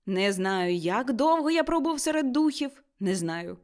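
In this storybook reading, a woman performs old Scrooge, the miser, now reborn and bursting with giddy joy and elated wonder. She pitches his voice high and lets it bounce about with excitement, exclaiming and repeating himself at an unhurried pace.

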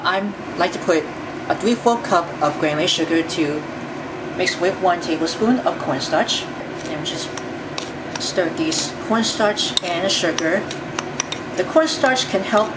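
A woman walks viewers through a recipe in her home kitchen, chatty and repeating herself as she stirs. Her voice sits a little low and sounds distant from the mic. Loud appliance noise runs under everything. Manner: step-by-step, chatty, repeats phrases. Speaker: cooking show host. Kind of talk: home cooking demonstration.

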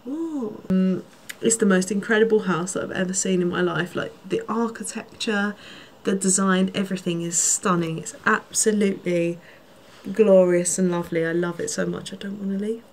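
A young woman talks straight to her camera in a casual travel vlog, gushing and rambling with plenty of fillers. Her voice sits at an ordinary middle pitch, and a faint hiss runs under the recording. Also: fairly even intonation, moderate pace. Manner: gushing, chatty, lots of fillers. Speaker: vlogger. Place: holiday house room indoors.

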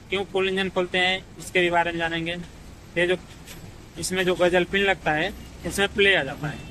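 A young male mechanic with a fairly high, bright, forceful voice talks through engine parts one by one in a casual how-to vlog. He keeps addressing his viewers as "guys" and speaks into a phone held close, outdoors in front of a shop with faint street noise behind him. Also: rough recording. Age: young adult. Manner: explains step by step, often saying "guys" and "jaise ki". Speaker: motorcycle mechanic.

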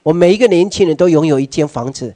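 Speaking to a live audience in a meeting hall, a Taiwanese-accented man delivers a workshop lecture, addressing listeners directly with questions and mixing in Hokkien phrases. He shifts between quiet asides and loud urging in a slightly high, animated, rapid-fire voice. There's no echo on the recording.

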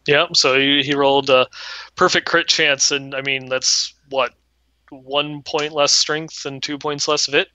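A man's voice: on the high side, little pitch movement, unhurried, bright, forceful tone, clear, resonant tone, dry recording. A man co-hosting a podcast, explaining game items at length in a casual chat. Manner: explains game details at length, many restarts. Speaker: podcast co-host.

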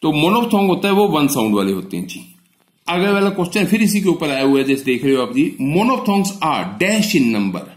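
A man from northern India teaching an exam-prep lesson in a slightly high voice. He asks questions and answers them himself, with polite "ji" all through. The room is echoey. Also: very animated, fast talker. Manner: addresses the students with a polite "ji".

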